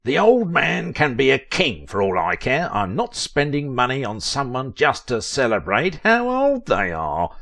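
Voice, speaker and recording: A man voicing a fat, gluttonous young male mayor who shouts and talks through a full mouth. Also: mid-range voice, pitched above the performer's own voice, exaggerated voice. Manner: loud, blustering, talking with a full mouth.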